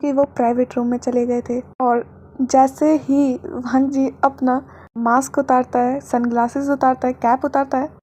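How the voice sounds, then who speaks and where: A woman storyteller reading fan fiction aloud in a lively, dramatic way. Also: high-pitched, measured pace.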